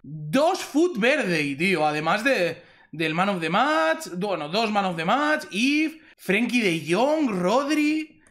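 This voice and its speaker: Speaking slowly and in a high-pitched voice, a young man from Spain with a Spanish accent commentates a pack opening for his gaming YouTube channel. He's excitable and repetitive, exclaiming loudly at anything good, and he sits close to a desk mic.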